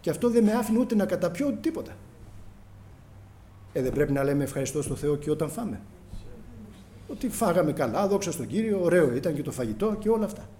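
A man's voice: on the high side, sing-song, pauses often, dark tone, slight background noise. A middle-aged man preaching a sermon, calling the congregation brothers and acting out prayers and dialogue with passion.

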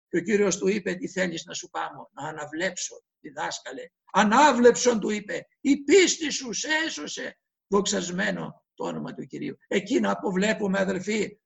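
A male preacher gives an impassioned sermon, acting out the voices of those he quotes. His voice is unusually high for a man and a bit bright, with a gravelly, fry-laden edge.

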